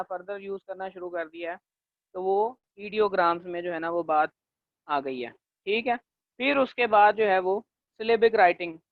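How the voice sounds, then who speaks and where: A male linguistics lecturer teaching a class, leaning on fillers and checking in often, and slowing down to dictate definitions. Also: high voice, dry recording. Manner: leans on the filler "jo hai na" and checks in with "theek hai"; slows down to dictate English definitions. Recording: tinny, dry, phone-like recording.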